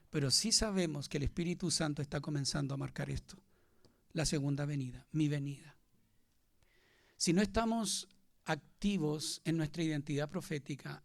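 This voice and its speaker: A male pastor delivers a sermon and puts questions to his congregation. His voice sits a little high and carries a heavy gravelly fry. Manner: preaching to a congregation, asking them questions.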